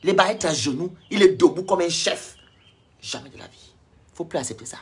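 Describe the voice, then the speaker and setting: Husky raspy guy ranting on his vlog, preachy and blunt, talking straight at the viewers. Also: sits high, lively intonation, a little fast, a bit bright. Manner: blunt, preachy, lecturing the audience directly. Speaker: online commentator. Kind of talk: ranting social-media vlog.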